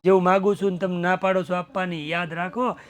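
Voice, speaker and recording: A man's voice: high-pitched, flat delivery, a little fast. A young man teaching a class, explaining a story with dramatic retellings and switching between languages.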